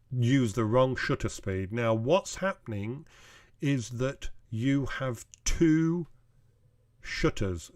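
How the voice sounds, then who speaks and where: A middle-aged man, a camera club president, explaining photography to club members in a plain, measured way with pauses and restarts. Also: mid-range voice, darkish tone, dry recording, clean studio sound.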